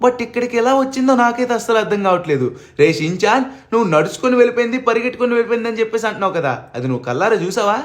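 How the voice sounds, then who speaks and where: Brief: a brash, bossy young man, voiced by a man, quick and fairly high, scolding and blustering. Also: expressive. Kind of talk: cartoon fan dub over gameplay.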